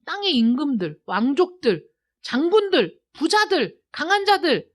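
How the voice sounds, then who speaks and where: A woman pastor preaching a sermon in a church, emphatic and full of rhetorical questions, moving between loud urging and quiet asides. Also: high-pitched, very animated, a little slow. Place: church sanctuary.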